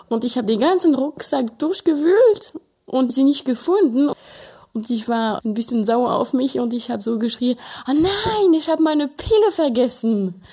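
Warm-voiced woman telling an anecdote. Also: fairly high pitch. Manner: lively storytelling. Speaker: interviewee. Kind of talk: personal anecdote.

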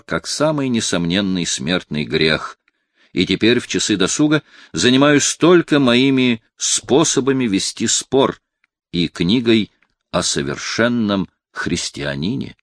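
Guy reading as a proud hot-tempered cardinal in his fifties, lowish dry voice, loud angry bursts. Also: no room sound. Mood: solemn. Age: 50s. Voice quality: flaring into loud indignant outbursts. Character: imperious aging cardinal, proud, quick to anger. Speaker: audiobook reader voicing a character. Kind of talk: audiobook character reading.

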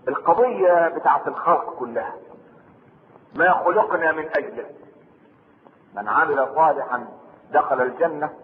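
A fairly high-pitched male preacher with an Egyptian Arabic accent, delivering a religious lecture that moves between formal Arabic and colloquial speech. He keeps throwing rhetorical questions at his listeners and breaks into prayer between points. The recording is thin and phone-like, with a long reverb tail. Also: a little hiss or hum. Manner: prays aloud between points.

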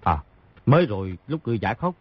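A man voicing a wounded, blustering male outlaw in an audiobook, with a husky, coarse way of talking. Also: on the low side, very animated, quick pace. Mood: musing. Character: wounded burly male outlaw, gruff, boisterous. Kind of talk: audiobook character voice. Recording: dry, slightly dull lo-fi audio.

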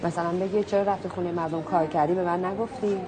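An actress playing a gentle schoolteacher who coaxes a child with soft questions. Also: female voice, lowish voice, fairly even intonation, a crowd in the background, background noise, natural voice. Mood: coaxing.

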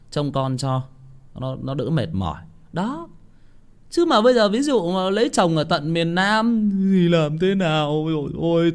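A man, giving relationship advice in a casual monologue full of rhetorical questions. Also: mid-range voice. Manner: animated, with frequent rhetorical questions.

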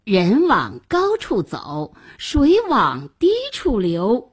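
A woman's voice: medium pitch, huge pitch swings, very slow, husky, heavily acted. A woman voicing a stammering, sniveling young man pulled from a flood, who stutters and sobs as he pleads. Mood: smug.

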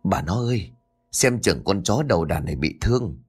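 Guy putting on a kind old village scholar, low calm murmur, lively up and down, faint music. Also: moderate pace, slightly rough. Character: kindly, thoughtful old village scholar man.

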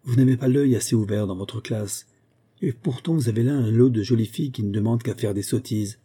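A man's voice: mid-range voice, brisk, warm tone, slightly rough, close to an everyday voice. A man voicing a shrewd, impatient woman class mistress who lectures her friend knowingly, in a read-aloud novel. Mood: lecturing.

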